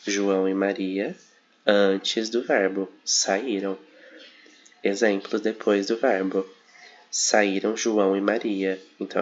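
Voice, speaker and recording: A young male student walks through a grammar concept map in a low, fairly monotone voice. He talks informally and hesitantly, with plenty of filler words and self-corrections. The recording sounds dull and lo-fi. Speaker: psychology student presenting coursework.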